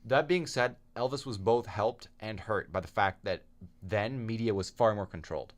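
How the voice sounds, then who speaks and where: A man's voice: fairly low pitch, moderate pace. A young man co-hosting a podcast in casual chat, opinionated and talking in long stretches. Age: young adult. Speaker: podcast co-host.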